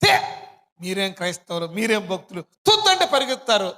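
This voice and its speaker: Man doing a stern older father, scolding, emphatic, high bright voice, hall reverb. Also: very animated, brisk, exaggerated voice. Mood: indignant.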